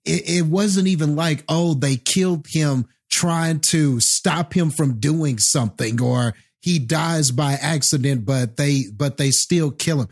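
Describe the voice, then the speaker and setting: A man's voice: on the high side, unhurried, hardly any pauses. A man co-hosting a casual movie review podcast who fires off questions and laughs often. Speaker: podcast co-host.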